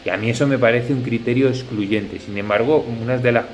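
A man, talking about ayahuasca integration in a thoughtful, hesitant way, with many pauses and fillers. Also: medium pitch, fairly even intonation, slight background noise. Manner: reflective, hesitant with frequent fillers. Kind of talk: casual conversation.

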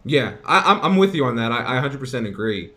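A man's voice: mid-range voice, sing-song, quick pace, bright, forceful tone. A man hosting an interview, speaking hesitantly with lots of stammers and fillers. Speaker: interview host. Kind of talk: conversational interview.

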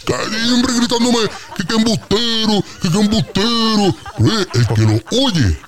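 On a comedy radio show, a man with a Puerto Rican accent boasts through an exaggerated story packed with slang and sung sound effects. His high-pitched voice is animated yet unhurried.

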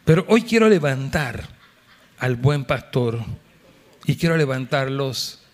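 A man's voice: mid-range voice, sing-song, takes it slowly. A male pastor preaching a sermon at a church service, calling out to the congregation and acting out the voices of people in the story. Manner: impassioned, calls out to the congregation.

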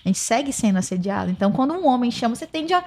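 A woman from Brazil, co-hosting a podcast, opinionated and animated in casual talk. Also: on the high side, rapid-fire.

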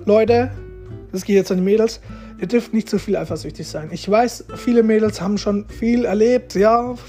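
A man's voice: high-pitched, warm tone, husky. A man giving casual relationship advice straight to his viewers, chatty and repetitive, tagging his sentences with little questions. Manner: chatty, repeats himself, tags lines with "ja?" and "ne?".

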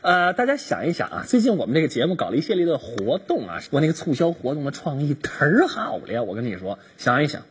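A man's voice: on the high side, wildly swooping pitch, quick pace, few pauses, breathy edge, exaggerated voice. An actor playing a chatty, gushing woman radio host in a comic sketch.

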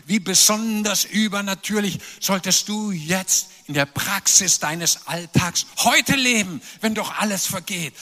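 A man preaching a sermon, animated and emphatic, with playful asides to the congregation. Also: high voice. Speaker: pastor. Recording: long reverb of a large hall.

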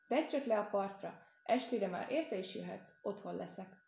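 A woman's voice: medium pitch, expressive, vocal fry, warm tone, echoey room. A woman voicing a plump, fussy mother goose in a storybook reading, chatty and bustling. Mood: fussing.

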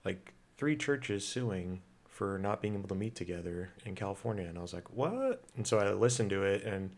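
Low-voiced man chatting loosely. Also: brisk. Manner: rambling, eating while talking. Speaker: podcast co-host. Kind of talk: casual chat.

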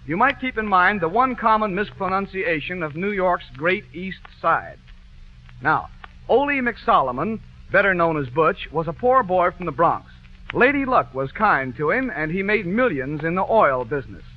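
Radio host, man, high voice, jokey old-time quiz patter, muffled lo-fi broadcast sound. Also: sing-song, moderate pace, slight background noise. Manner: jokey, bantering with the band.

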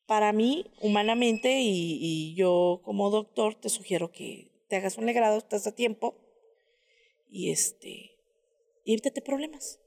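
A woman sharing a personal testimony in casual storytelling, speaking hesitantly with many filler pauses. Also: mid-range voice, vocal fry, a little mellow, big-room sound.

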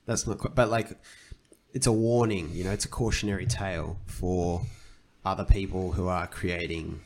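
A man's voice: deep voice, fairly even intonation, normal speed, a little mellow, a little hiss or hum. Man rambling through a casual podcast chat. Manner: rambling, thinking aloud, retelling stories. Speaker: podcast co-host.

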